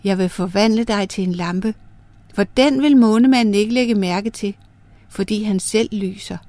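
A woman's voice: medium pitch, mellow, no room sound, close to an everyday voice. A woman voicing a helpful magical reindeer who patiently suggests one hiding place after another in a folk tale. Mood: decisive. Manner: patient, offering ideas.

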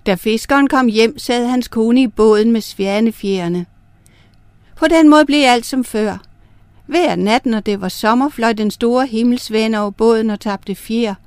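Female narrator for a children's story, clear gentle reading, a little higher pitch. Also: no echo.

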